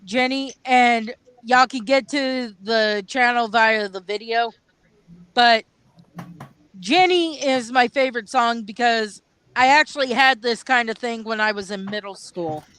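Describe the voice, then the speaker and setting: A man's voice: extremely high pitch, unhurried, sharp tone, smooth. A man in his thirties hosting a casual group chat livestream, rambling happily about music. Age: 30s. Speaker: livestream host.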